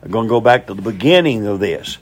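A man's voice: fairly low pitch, lively intonation, fast. A man preaching a teaching sermon on scripture, folksy and conversational, often asking his listeners questions.

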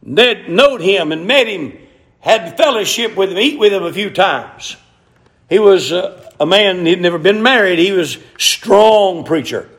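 Animated preacher, folksy and shouting. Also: male voice, high-pitched, measured pace. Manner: folksy storytelling, rising to shouted emphasis. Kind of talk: sermon.

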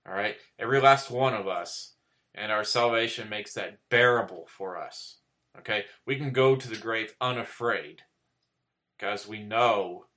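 A man's voice: fairly low pitch, sharp tone. A man preaching a sermon, reading scripture aloud and checking in with "okay?" after nearly every point. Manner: earnest, repeats "okay?" after most points; reads scripture aloud in old-style wording.

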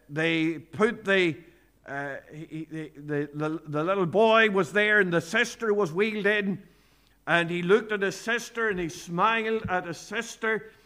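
A man preaching a sermon as pastor, speaking in slow, earnest phrases that rise on each point, and reading out old-style scripture. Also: high-pitched, pushed and bright. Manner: quotes King James scripture aloud.

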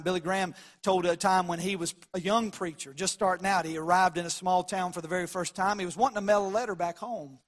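A man with a Southern US accent preaching in a folksy, down-home storytelling style, with a drawl and acted-out bits of dialogue. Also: high-pitched. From American South. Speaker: pastor preaching.

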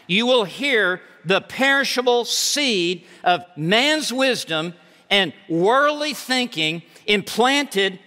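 A man preaches from the pulpit in a high, bright voice, stressing and repeating his words. He speaks at a slow, deliberate pace. The sound carries the long reverb of a large church hall. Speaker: pastor. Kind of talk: sermon. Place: church sanctuary.

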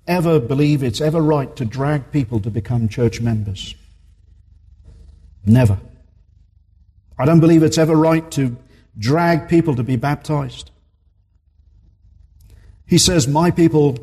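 Slow, husky-voiced preaching man. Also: a little high, dark tone, big-room sound. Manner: earnest, emphatic, repeats key points. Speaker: minister. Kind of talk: sermon. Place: church.

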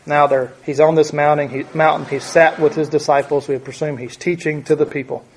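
A man teaching through a Bible passage in a conversational, halting way, with many restarts and asides. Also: fairly high pitch, level tone, slight background noise. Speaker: preacher.

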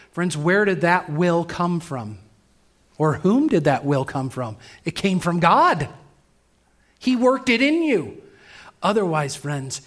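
A man preaching a sermon as pastor in a church, earnest, moving between brisk passages and slow, emphatic lines. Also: high voice, fairly bright tone.

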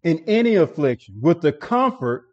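A man's voice: on the high side, very animated, normal speed, darkish tone, highs cut off. A man preaching a sermon, often repeating words and restarting phrases as he builds emphasis.

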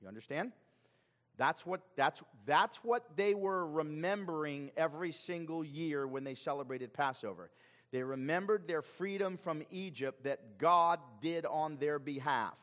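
Emphatic pastor preaching in a reverberant hall. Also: male voice, a little high, a little slow, fairly bright tone. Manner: emphatic, questioning the congregation. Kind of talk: sermon. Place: church sanctuary.

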